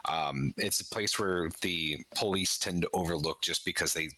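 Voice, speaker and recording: A man running a tabletop horror game as game master, setting scenes calmly with many filler words. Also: sits low, normal speed, dry recording, rough recording.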